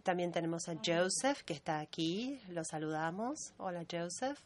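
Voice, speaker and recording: Woman conference interpreter, slightly low pitch, measured and even delivery while relaying a roll call. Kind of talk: simultaneous interpretation at a meeting.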